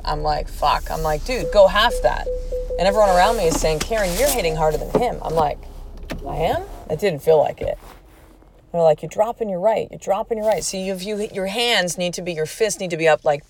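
A woman in her forties, a podcast host telling a personal story in a candid, profane way, acting out what people said. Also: on the low side. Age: 40s. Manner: candid and profane, animated retelling with quoted speech.

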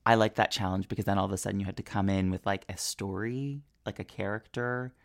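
A woman's voice: very deep voice, steady tone, fast talker. A woman co-hosting a podcast in casual chat, playful and theatrical, joking and swearing for laughs. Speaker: podcast co-host.

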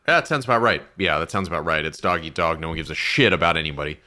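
A man's voice: deep voice, fast, sharp tone. A man co-hosting a gaming podcast, talking casually and hesitantly and swearing freely. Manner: wavering and self-doubting, swears casually. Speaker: podcast co-host.

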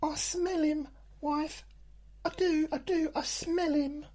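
A man voicing a menacing giant ogre, chanting slowly. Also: very high voice, steady tone, dark tone, pitched above the performer's own voice.

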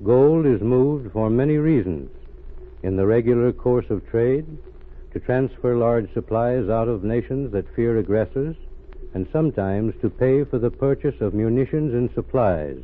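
A man's voice: medium pitch, natural voice. A man playing a former secret agent adventurer who narrates solemnly and formally in 1930s radio style. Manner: measured, formal. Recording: muffled phone-like 1930s radio recording.

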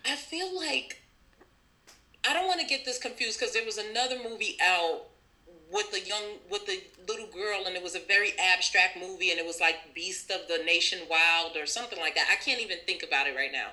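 A woman in her thirties hosting a casual chat, animated and quick to laugh, with loose slangy speech. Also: mid-range voice. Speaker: podcast host.

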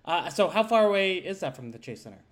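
A man's voice: high voice, sing-song, fast talker. A man hosting a sports podcast in a casual, conversational way with rambling asides. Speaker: podcast host.

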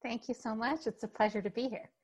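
A woman's voice: a little high, steady tone, fast, darkish tone. A woman with a Canadian accent answering conversationally as an interview guest.

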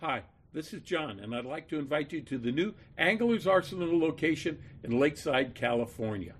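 A husky-voiced man reading a scripted radio advert for his own store. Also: fairly high pitch, expressive, normal speed.

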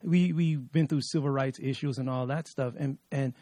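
A middle-aged man hosting a podcast from an office studio, chatty and lively, with many fillers as he talks to his guest. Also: medium pitch, moderate pace. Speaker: podcast host.

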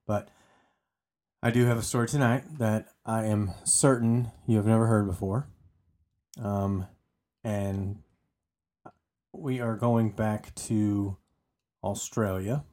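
Mellow-voiced man telling a true-crime story. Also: fairly low pitch. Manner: chatty, often repeats words while restarting. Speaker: podcast co-host telling the story.

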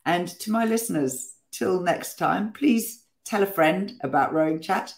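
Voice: mid-range voice, animated, a little slow. A podcast host leading a casual interview in a friendly, chatty way, stumbling over words now and then.

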